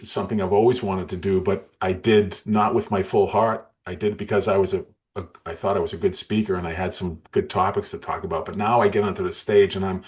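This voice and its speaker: A man in his sixties speaks as an interview guest with a very deep voice. He tells his story earnestly and emotionally, often restarting his sentences. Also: a little mellow. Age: 60s.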